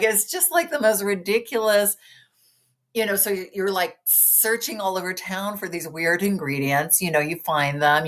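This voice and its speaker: A woman's voice: low voice, fairly bright tone. A woman in her fifties, a weight-loss coach speaking as a guest in a casual podcast conversation, chatty and earnest. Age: 50s.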